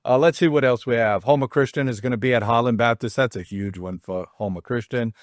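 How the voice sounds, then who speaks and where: A middle-aged man hosting a casual high school sports talk show, rambling and chatty, with frequent restarts and self-deprecating jokes. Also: a little fast, no room sound, clean studio sound.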